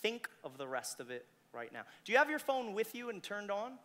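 An intense male mind reader works a live audience with commanding patter. His voice is high and bright, carried over a stage microphone into a hall with long reverb. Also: sing-song, brisk. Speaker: stage mentalist performing to an audience.

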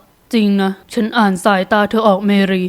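Deadpan, teasing young boss, slightly lower voice, played by a female narrator. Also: moderate pace, natural voice. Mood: earnest. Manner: deadpan, then softly pleading.

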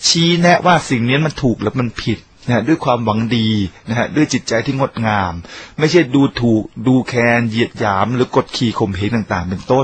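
A man giving Buddhist life advice on a radio talk show, speaking slowly and deliberately and addressing listeners directly. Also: medium pitch, a little hiss or hum. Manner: slow, deliberate, word by word.

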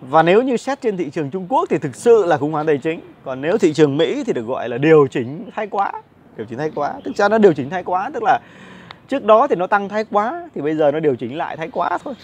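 Man, thirties, casual market commentary, lapel mic, fairly high-pitched, rambling with fillers. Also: big pitch swings, quick pace, darkish tone, a little hiss or hum. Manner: chatty, many fillers and repeated words. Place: outdoor cafe patio with plants.

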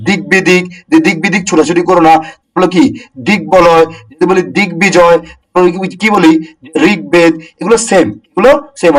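A young man teaches an online class at a brisk clip, voice pitched high. He keeps asking rhetorical questions and repeating each point. The mic sits some way off, so he sounds a bit distant.

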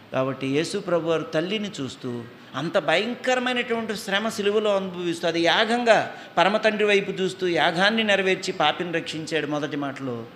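A man preaching a sermon with a Telugu accent, reciting slow dramatic English lines, then explaining them and acting out voices in his stories. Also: high voice, fairly bright tone, a little hiss or hum. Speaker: pastor. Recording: echoey hall with faint ambience.

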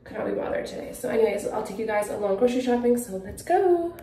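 A young woman vlogs casually to a handheld camera in a car and shops, indoors, bubbly and gushing with lots of fillers like "like" and "obsessed." Her voice is on the high side, expressive, quick and mellow. The room sounds echoey with faint ambient noise.

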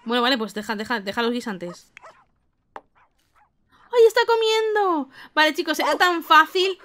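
A young woman with a Spain Spanish accent giving casual let's play commentary, expressive and exclamatory, often laughing. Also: high voice, moderate pace. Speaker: gaming youtuber.

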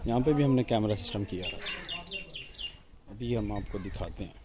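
A man's voice: lowish voice, normal speed, noisy background. Young man vlogging around his farm. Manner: shows around, calls out loudly to animals and people. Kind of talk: casual vlog narration. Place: outdoor farmyard with animals. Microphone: handheld phone camera.

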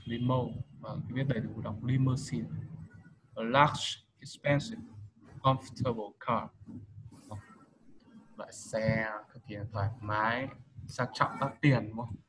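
A man's voice: mid-range voice, fairly even intonation, a little slow, pauses often. Male group leader walking through vocabulary, lots of fillers, noisy background. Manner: explanatory, frequent filler hesitations. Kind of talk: explaining English vocabulary. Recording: noisy home recording.

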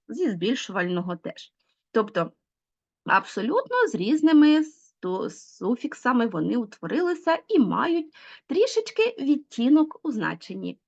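A woman teacher with a fairly high voice that swings widely up and down as she explains a grammar lesson to children. She draws out the key words slowly and keeps checking in with the class through questions. The recording is dull and lo-fi. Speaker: school teacher.

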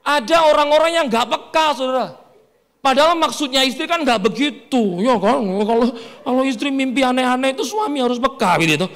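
Pastor, lively high voice. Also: male voice, a little fast. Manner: storytelling, joking, playful with the congregation. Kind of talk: sermon. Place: church hall. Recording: reverberant church hall.

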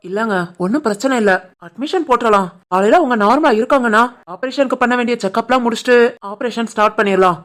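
A woman doing a brisk calm male doctor. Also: fairly high pitch, lightly acted. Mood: reassuring. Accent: Tirunelveli Tamil. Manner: calm, explanatory, reassuring.

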